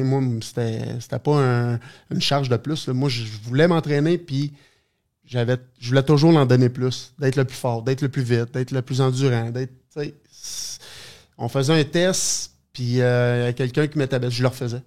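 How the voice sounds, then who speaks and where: A man's voice: mid-range voice, steady tone, normal speed, darkish tone. A middle-aged man with a Quebec French accent, a former hockey player telling stories as a guest, rambling with many restarts. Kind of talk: casual storytelling interview.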